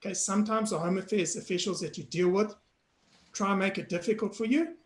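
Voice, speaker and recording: A hoarse man, a panelist frankly and casually explaining citizenship rules over a video call. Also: high-pitched, a little fast, echoey room.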